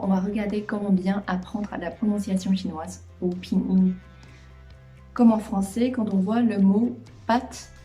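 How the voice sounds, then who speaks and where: A woman teaches in a calm, clear way and lingers over each example sound. Her voice is mellow and relaxed. Soft background music runs beneath the lesson. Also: mid-range voice. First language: Mandarin Chinese. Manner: clear, patient explaining with drawn-out example syllables. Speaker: Chinese language teacher. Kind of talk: video lesson.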